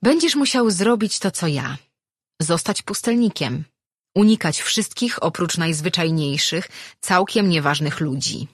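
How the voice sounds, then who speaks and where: A woman's voice: on the low side, expressive, measured pace, husky, no room sound, exaggerated voice. A woman voicing a wry, self-assured ancient sorceress who teases with dry humor. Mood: teasing advice. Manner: teasing, dry.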